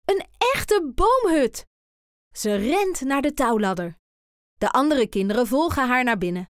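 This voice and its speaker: A woman reading a children's storybook aloud in a calm, clear storytelling voice. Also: fairly high pitch, moderate pace, dry recording, studio quality. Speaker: storybook reader.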